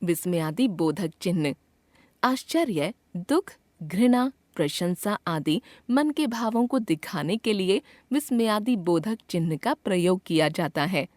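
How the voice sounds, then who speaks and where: Lively woman narrating a grammar lesson. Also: fairly low pitch, unhurried, no room sound. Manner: clear, expressive, acts out example sentences. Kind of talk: scripted educational narration.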